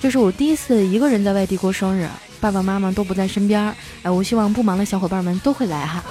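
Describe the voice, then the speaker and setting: A woman hosting a comic storytelling podcast, chatty and lively, stretching out her sentence endings. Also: medium pitch, fast, over music. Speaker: host.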